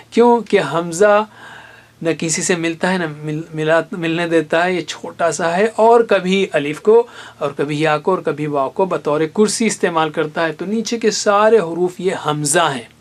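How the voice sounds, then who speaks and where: A man teaching Quran recitation in a classroom lesson. He patiently explains and slowly sounds out single letters and syllables as examples. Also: on the high side.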